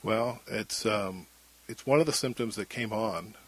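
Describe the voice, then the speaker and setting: Male interview guest, middle-aged, thin and rough-edged husky voice, halting and reflective delivery. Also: fairly low pitch. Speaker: interview guest, former radio broadcaster. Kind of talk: candid personal interview.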